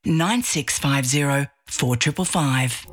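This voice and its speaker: A man's voice: mid-range voice, slow pace, fairly bright tone. A man reading a formal scripted advert as a voice-over.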